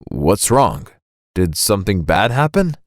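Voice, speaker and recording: A man voicing a cold, vengeful middle-aged father who speaks in a low, smug, threatening way. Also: big pitch swings, measured pace, no room sound, clean studio sound. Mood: stern.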